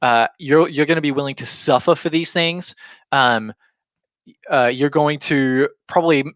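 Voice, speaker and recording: A man's voice: on the high side, measured pace, fairly bright tone, no echo. Conversational man presenting, dry close sound. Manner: conversational, illustrating points with imagined quotes. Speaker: business trainer, presenter. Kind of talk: informal explanatory talk with examples. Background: alarm going off.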